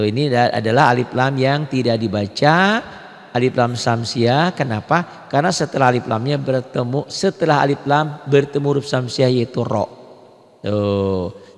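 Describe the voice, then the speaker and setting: Patient male Quran teacher, echoing reverb. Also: medium pitch. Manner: patient, repetitive explaining with rhetorical questions. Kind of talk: tajwid lesson for beginners.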